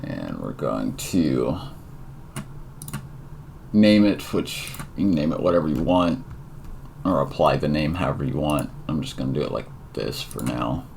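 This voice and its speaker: A very deep, gravelly male voice with a lively, wandering pitch, tired and talking his way through a coding tutorial. He thinks aloud, trailing off into fillers and correcting himself. A faint hiss sits under the recording. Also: unhurried, pauses often. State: tired and yawning. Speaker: tutorial presenter.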